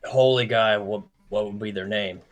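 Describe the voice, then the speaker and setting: A man chatting casually as a tabletop game player, low-key and a little hesitant. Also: fairly even intonation, normal speed. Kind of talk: casual chat.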